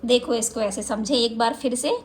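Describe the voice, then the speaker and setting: A woman teaching a children's spelling lesson, sounding out syllables slowly and asking the viewer questions as she goes. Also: on the high side. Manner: slow, drawn-out syllables for pronunciation practice.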